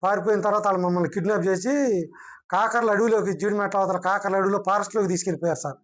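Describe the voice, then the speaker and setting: A man's voice: high voice, steady tone, racing. A man, a fraud victim, urgently telling a reporter how he was cheated and kidnapped, respectfully addressing him as sir. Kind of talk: recounting events to a reporter.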